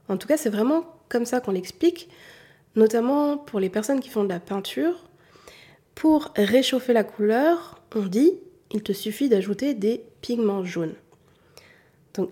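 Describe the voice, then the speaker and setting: Talking straight to her audience, a southern French woman teaches colors in a casual, chatty lesson. Her voice sits fairly high, with a warm, husky quality.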